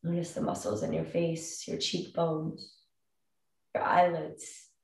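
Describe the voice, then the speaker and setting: A woman in her thirties leads a calm grounding meditation, giving soothing instructions with long pauses between phrases. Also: deep voice, gravelly. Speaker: meditation guide. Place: indoor room with wooden floor and plank wall. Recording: roomy echo, distant microphone.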